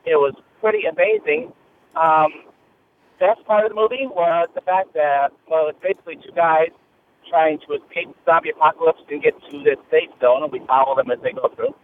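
This man speaks briskly in a higher register, leaving a gushing, enthusiastic fan voicemail by phone from his car while driving. The call comes through a narrow line with faint background noise, and his message is chatty.

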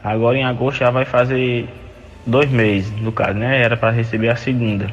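A man's voice: mid-range voice, flat delivery, fairly quick, soft background music. A man calling a radio show over the phone, laying out his question in a rambling, plain way. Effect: heard over the phone. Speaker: radio call-in listener. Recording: dull phone line from a distance.

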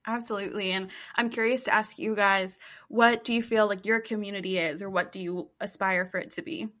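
A woman's voice: mid-range voice, fairly even intonation, a little fast, fairly bright tone. A woman of about twenty from East Tennessee, a college YouTuber talking openly and earnestly as a guest, with frequent fillers. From East Tennessee, USA. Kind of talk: casual interview chat.

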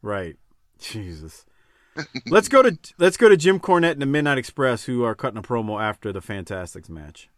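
A man hosting a casual recap chat, talking in an animated, jokey way. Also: medium pitch, moderate pace, no echo, clean studio sound. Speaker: podcast host.

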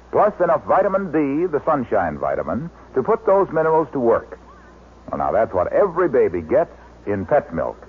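A man's voice: medium pitch, husky. An American man announcing in a chipper 1950s radio ad style, with a polished, emphatic sales delivery. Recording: vintage radio broadcast, narrow phone-like band.

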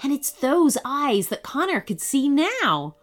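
A woman narrating a children's storybook in an expressive storytelling manner. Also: high-pitched, slow, soft background music.

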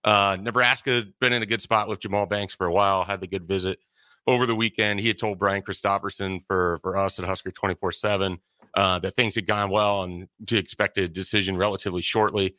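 A man talking as a guest reporter on a sports radio show, breaking down football news in fast, detailed, casual talk from the studio. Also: sits low, steady tone, pushed and bright, dry recording.

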